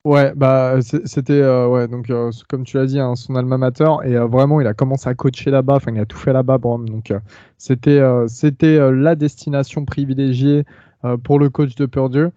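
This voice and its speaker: Mellow-voiced French podcast host. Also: male voice, mid-range voice, fairly even intonation, normal speed, dry recording, dull audio. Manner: hesitant, many fillers and restarts. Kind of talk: casual podcast chat.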